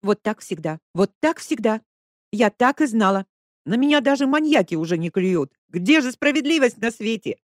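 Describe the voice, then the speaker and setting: A reader voicing a dramatic, easily panicked young woman who complains in shrill outbursts. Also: sing-song, fairly quick, a little mellow, no room sound, clean studio sound, close to an everyday voice. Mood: agitated.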